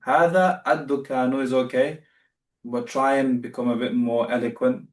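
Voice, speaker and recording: A man's voice: mid-range voice, little pitch movement, normal speed, a little mellow, reverberant, recorded from a distance. A man teaching beginner Arabic in a live online class, patient and repeating himself as he corrects students.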